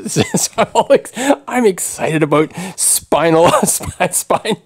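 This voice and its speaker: A middle-aged man hosting a casual chat, rambling and halting, laughing often between words. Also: on the high side, lively intonation. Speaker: podcast host and musician.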